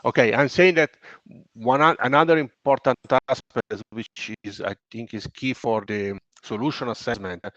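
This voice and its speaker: A man's voice: lowish voice, a bit bright, no echo, dull audio. A man speaking hesitantly on a remote meeting call, his laptop audio choppy and breaking up. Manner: hesitant, searching for words. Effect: choppy, breaking-up online call audio. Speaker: working group participant. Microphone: laptop on a video call.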